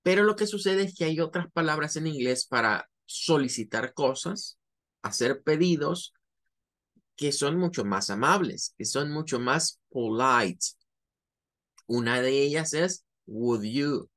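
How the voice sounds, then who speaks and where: Slow-paced male teacher. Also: fairly high pitch, animated, a bit bright. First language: Spanish. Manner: explains phrases step by step, repeats English examples slowly. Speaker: English teacher. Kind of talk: classroom lecture.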